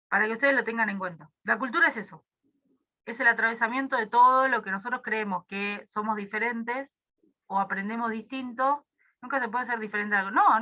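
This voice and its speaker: A woman's voice: fairly high pitch, sharp tone, lo-fi sound. A young woman with a Rioplatense Spanish accent, tutoring a review class casually with many fillers and asides.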